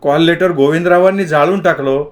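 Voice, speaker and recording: A man's voice: a little high, a little fast, voice pushed up, lightly acted. A man doing an earnest, flustered young villager. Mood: pleading. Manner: pleading, protesting his innocence.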